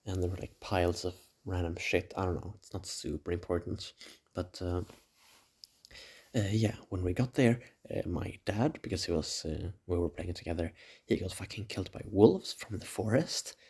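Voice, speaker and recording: Young guy doing a rambly dream recap, really deep voice w lots of fry, hazy n puzzled, keeps stopping to find words. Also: a little mellow. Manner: hazy, puzzled, halting recounting; swears casually. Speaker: dream diarist. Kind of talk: casual rambling spoken dream log.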